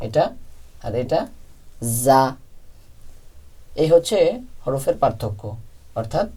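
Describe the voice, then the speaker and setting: A man's voice: mid-range voice, dark tone. A man teaching Quran recitation, patiently explaining letter sounds and repeating each one for practice. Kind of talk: step-by-step pronunciation lesson.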